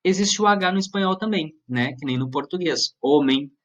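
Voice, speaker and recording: A man's voice: on the high side, animated, normal speed, fairly bright tone. Patient man teaching a lesson, dull lo-fi sound. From southern Brazil. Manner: patient, explanatory, checks in with "tá?" often. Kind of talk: recorded classroom lesson. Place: Brazilian school lesson.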